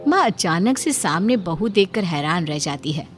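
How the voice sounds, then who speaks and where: A woman's voice: fairly low pitch, big pitch swings, normal speed, faint music behind. A woman narrating a cartoon story in a wry, storytelling manner.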